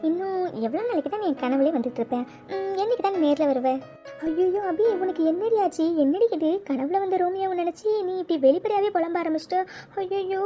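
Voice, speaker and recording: A woman's voice: very high voice, mellow. A woman voicing a young woman in a cartoon serial who daydreams about a lover and stammers when caught out. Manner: flustered, stammering, talks to herself.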